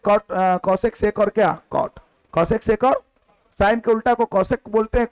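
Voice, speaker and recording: A man teaching a maths class, who asks the students questions, repeats key words and answers them himself in a lower voice. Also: low-quality recording. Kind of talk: classroom lecture.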